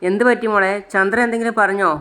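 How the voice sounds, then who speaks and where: A narrator voicing an anxious older mother, asking worried questions in a smooth voice. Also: mid-range voice, steady tone, fast, pushed and bright, close to an everyday voice.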